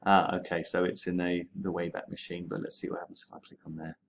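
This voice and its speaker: A history teacher talks students through a screen-share tutorial with a lowish male voice. He keeps it relaxed and conversational, dropping in plenty of ums and okays as he goes. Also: fast, vocal fry, a little hiss or hum.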